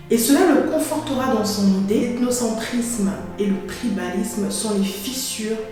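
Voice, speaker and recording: A woman explaining history to her viewers in a clear storytelling manner. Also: mid-range voice, darkish tone. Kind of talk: educational narration to camera. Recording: echoey room with faint music.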